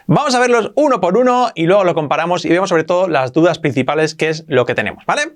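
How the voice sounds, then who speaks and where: Lively Spaniard teaching English. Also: male voice, a little high. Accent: Spain Spanish. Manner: energetic, repeats English examples slowly and clearly. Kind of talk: Spanish-language video lesson on English.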